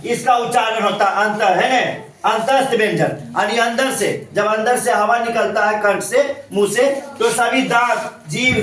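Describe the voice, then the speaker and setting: A man's voice: extremely high pitch, fairly bright tone, slight background noise. A male teacher giving a classroom grammar lesson, repeating points and asking questions constantly. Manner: repetitive, asks questions constantly. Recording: echoey room, voice from far off.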